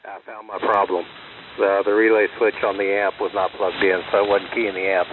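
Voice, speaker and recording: A man's voice: lowish voice, little pitch movement, moderate pace. A man checking into a ham radio net, casual and chatty about his gear. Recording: tinny radio with hiss.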